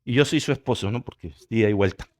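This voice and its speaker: A middle-aged man preaching a sermon as pastor. He jokes with the congregation, asks if they are following, and swings between loud, emphatic peaks and quiet asides. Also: lowish voice, quick pace.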